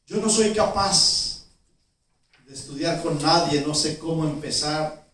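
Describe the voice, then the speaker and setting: A woman's voice: sits low, unhurried, fairly bright tone. A man doing an earnest churchwoman, echoey and distant. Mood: pleading. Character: anxious devout churchwoman, earnest and eager.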